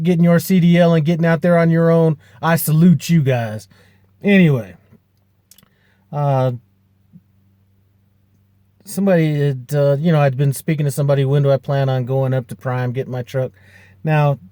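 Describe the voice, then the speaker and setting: A truck driver in his fifties chats casually to camera in a vlog, rambling with plenty of fillers and restarts. His mid-range voice is mellow, captured in a dry, studio-quality recording.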